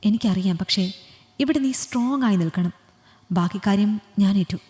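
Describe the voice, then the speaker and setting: A woman's voice: medium pitch, normal speed, a little mellow, natural voice. A woman voicing a loyal, protective male friend who speaks in an urgent, reassuring way. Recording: long hall reverb.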